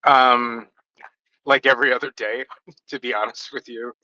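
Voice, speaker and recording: Man, glitchy cutting-out audio, halting restarts, dry close sound, dull lo-fi line. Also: medium pitch, steady tone, pushed and bright, no room sound. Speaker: panel speaker. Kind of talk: casual online audio chat. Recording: dull lo-fi online call audio.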